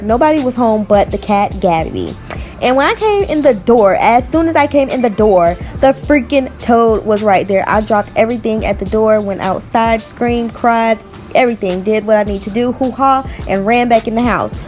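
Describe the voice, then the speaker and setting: A young woman talks through her nail vlog in a loose, animated way, piling on fillers as she tells her stories. Her voice sits a little high, with quiet music playing underneath. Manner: chatty and animated, telling stories with lots of "like" and "y'all". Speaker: nail art vlogger. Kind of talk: casual vlog chat.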